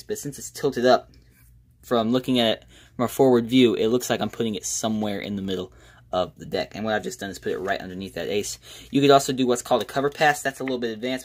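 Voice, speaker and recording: A man's voice: medium pitch, fast talker. A man presenting a casual, step-by-step magic tutorial in an informal, self-deprecating way.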